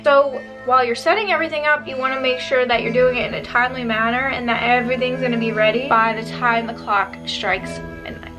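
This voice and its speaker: Female vlogger, higher-pitched, casual and conversational, animated asides, clear music bed underneath. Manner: informal, animated asides with acted-out quotes. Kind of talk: casual chatty storytelling during a makeup tutorial. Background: background music.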